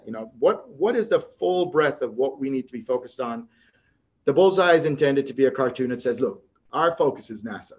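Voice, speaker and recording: A mid-pitched man gives a conference talk as an agency director, bursting with excitement and tripping over his own restarts as he races from point to point. His voice comes through a slightly dull, lo-fi recording. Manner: animated, rambling with many restarts and fillers. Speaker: NASA associate director giving a talk.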